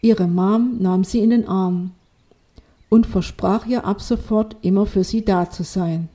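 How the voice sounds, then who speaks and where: A woman narrating a children's story in a calm, unhurried reading. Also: medium pitch.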